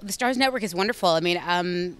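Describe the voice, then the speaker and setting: In a casual interview, an actress guest talks briskly with a lowish, clear, resonant voice. Effusive and bubbly, she keeps self-correcting and restarting what she says.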